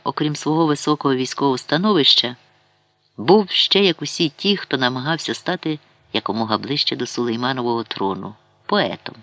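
A man reading a historical novel aloud as an audiobook narrator, in a measured storytelling manner. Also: mid-range voice, sharp tone, no room sound.

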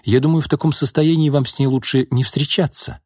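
A man voicing a calm young woman who speaks in a gentle, soothing way. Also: medium pitch, brisk, dry recording, clean studio sound, voice pushed up, natural voice. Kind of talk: audiobook character voice.

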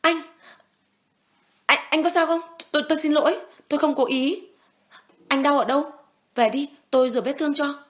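A woman voicing a frightened, tearful young woman who pleads in a high, stammering voice and turns sharp-tongued. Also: a little fast, lightly acted.

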